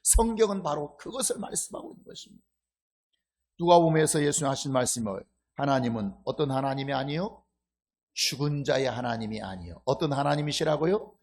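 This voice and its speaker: A male pastor preaching a sermon, dropping to quiet asides and then rising into loud, impassioned preaching, often asking the congregation for an amen. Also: medium pitch, animated, fairly quick. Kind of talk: sermon with congregation call-and-response.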